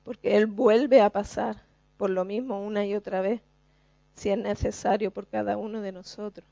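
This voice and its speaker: A woman's voice: mid-range voice, fairly even intonation, vocal fry, dark tone, no room sound, muffled recording. A woman preacher giving an earnest, emphatic sermon to her congregation. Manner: earnest, slow and emphatic, addresses the congregation directly.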